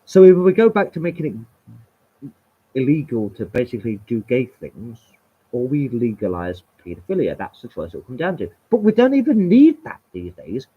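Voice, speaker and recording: A man's voice: mid-range voice, husky, phone-quality sound. A man hosting a live stream and ranting in a heated, emphatic, sweary monologue.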